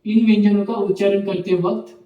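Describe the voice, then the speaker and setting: A man's high voice, level in tone and moderate in pace, carries this online Sanskrit video lecture. He goes step by step, reciting letters singly and asking "okay," "ठीक है," or "okay" again and again while re-explaining. The sound is dull and reverberant.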